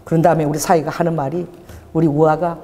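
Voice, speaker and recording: A woman's voice: low voice, fast talker. An older woman pastor preaching a sermon, calling for responses from the congregation. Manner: call-and-response preaching, animated. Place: church sanctuary. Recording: church hall reverb.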